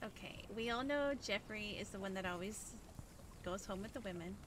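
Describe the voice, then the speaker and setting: A woman's voice: mid-range voice, moderate pace. A woman chatting in character during a role-play game, teasing and playful. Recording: noticeable background noise.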